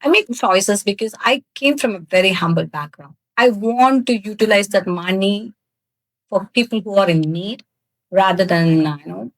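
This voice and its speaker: A woman's voice: mid-range voice, normal speed, low-quality recording. A woman from South India, a native Tamil speaker with a thick South Indian accent, answering interview questions in an earnest, emphatic way. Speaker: interview guest, cosmetics business founder.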